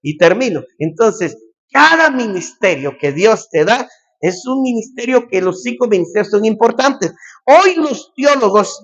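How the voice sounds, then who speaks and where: A man preaching a sermon as pastor, emphatic and repetitive, sometimes calling out loudly. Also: high-pitched, expressive, a little slow, highs cut off. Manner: emphatic preaching, repeats phrases, shouts calls.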